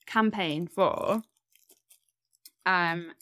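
A woman's voice: fairly low pitch, extremely slow, pushed and bright, dry recording. A woman co-hosting a podcast in casual chat, upbeat and laughing often as she runs a taste test. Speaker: podcast co-host.

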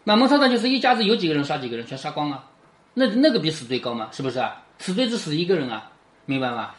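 Explaining a classic novel's chapter in a chatty way, a teacher keeps checking with "right?" and lets sentence endings fall into a quiet tag. The pitch is medium but swings widely, and the delivery is rapid-fire.

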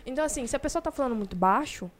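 A young woman with a Brazilian accent talks at a brisk clip, her voice sitting a little high. She is a guest on a casual podcast, telling stories and putting voice to the things she said. She keeps the pace quick and animated. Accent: Brazilian Portuguese. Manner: lively storyteller who acts out her own quoted lines. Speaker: podcast guest, law student.

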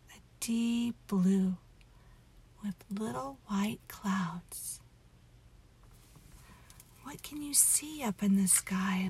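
A woman softly leading a guided meditation story in a hushed, soothing half-whisper, intimate as if right by your ear. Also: mid-range voice. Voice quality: soft, breathy, half-whispered. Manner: gentle, drawn-out delivery.

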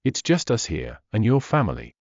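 A man's voice: fairly low pitch, wildly swooping pitch, normal speed, a little mellow, no room sound, lo-fi sound. A man putting on a tart elderly grandmother. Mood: chiding.

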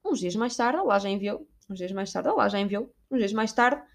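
A woman's voice: medium pitch, lively intonation, a little fast, creaky. A young woman from Portugal with a European Portuguese accent, casually telling stories to her viewers and drifting into Spanish words. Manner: chatty and digressive, slips Spanish words into her talk. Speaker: vlogger.

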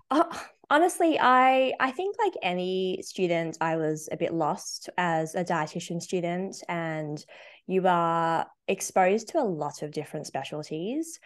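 A woman speaking as a dietitian guest in a conversational interview, telling her story in an animated way. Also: on the low side.

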